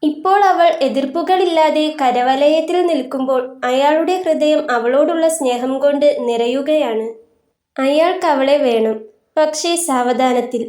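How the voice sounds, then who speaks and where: A woman narrating a literary novel in a calm, even reading voice, lightly voicing the characters' lines. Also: sits high, a little slow. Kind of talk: scripted narration of a literary story. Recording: roomy echoey room.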